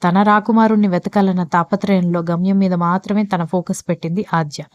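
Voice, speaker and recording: A woman narrating a love story as a storyteller, reading in a brisk, even way. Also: fairly low pitch, dry recording, lo-fi sound.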